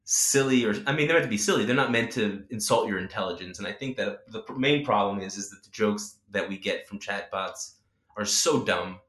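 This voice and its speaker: A man, a guest who designs chatbot characters, giving animated and opinionated answers in a casual interview, often restarting his sentences. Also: lowish voice, a little fast. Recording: echoey room.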